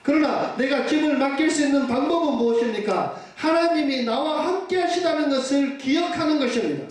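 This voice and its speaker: A man's voice: very high-pitched, brisk. A male pastor preaching a sermon. He questions his congregation and answers himself, and urges them to say amen. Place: church sanctuary. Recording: echoey church hall from far off.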